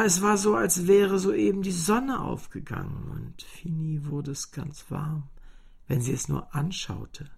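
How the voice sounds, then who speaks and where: A man reading a children's story aloud, slow, lively and expressive, sometimes dropping to a whisper. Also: sits high, vocal fry, breathy edge.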